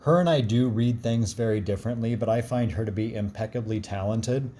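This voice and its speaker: A man with a gruff voice explaining a card reading in a casual, reassuring and encouraging way. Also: medium pitch, brisk, warm tone, a little hiss or hum. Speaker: card reader.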